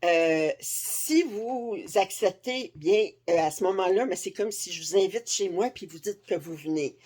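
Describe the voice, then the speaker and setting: A woman's voice: mid-range voice, measured pace, a little mellow. A woman with a Québécois French accent, chatting casually to camera as a craft vlogger and checking in with "ok?" often. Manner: chatty, many fillers and "ok?" check-ins. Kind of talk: casual direct-to-camera chat. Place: her living room. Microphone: camera framing upper body.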